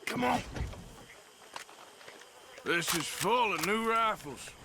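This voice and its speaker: Gruff American gunslinger mentor, drawling and blunt, very varied pitch, Western video game. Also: male voice, expressive, slow pace, noisy background. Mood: urgent. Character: seasoned, wary male Western outlaw, protective mentor. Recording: hoofbeats and outdoor ambience behind.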